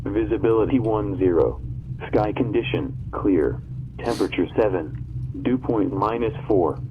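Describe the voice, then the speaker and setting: A man's voice: fairly low pitch, unhurried. Muffled, noisy airport weather broadcast, male voice. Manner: formal, impersonal phrasing. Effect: aviation radio. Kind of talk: airport weather broadcast, clipped scripted readout. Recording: dull aviation radio with humming noise.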